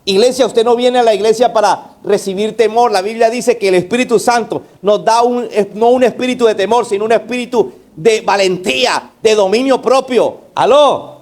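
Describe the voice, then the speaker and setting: A man's voice: normal speed, hardly any pauses, darkish tone. A male pastor preaching a sermon, emphatic, throwing rhetorical questions and call-outs to the congregation. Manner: emphatic, varying between raised and low delivery.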